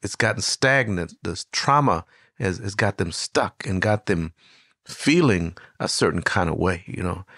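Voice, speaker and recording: An older man hosting an interview, telling stories in a lively, conversational way with frequent restarts. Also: deep voice, unhurried, slightly rough, no room sound, clean studio sound. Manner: warm storyteller, animated with many restarts. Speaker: host.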